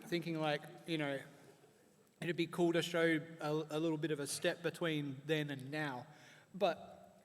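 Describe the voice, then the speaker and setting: Man, high voice, chatty panel presenter, lots of ums, long echo of a convention hall. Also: little pitch movement, a little slow. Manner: chatty, filler-heavy, talking while eating spicy chips. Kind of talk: live convention panel talk.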